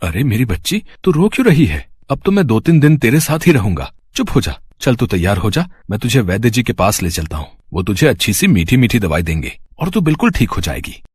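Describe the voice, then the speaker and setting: A man's voice: lowish voice, very animated, a little fast, hardly any pauses, breathy edge. A man voicing a loving village father who speaks tenderly to his daughter. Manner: warm toward his child, emotional. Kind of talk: animated storybook voice acting.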